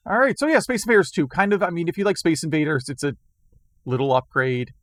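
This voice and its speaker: A man co-hosting a casual retro gaming podcast chat, rambling and self-deprecating, his voice going hoarse. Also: fairly high pitch, sing-song, quick pace, no room sound. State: losing his voice. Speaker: podcast co-host.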